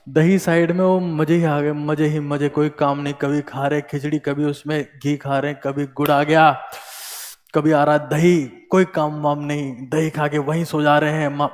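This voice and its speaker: A young Indian man, a bit under the weather, gives exam students a joking pep talk and drifts into comic voices and a Haryanvi tone. His voice sits fairly high for a man. A long reverb trails every word, as if the room were a hall. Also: darkish tone. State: unwell. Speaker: coaching teacher.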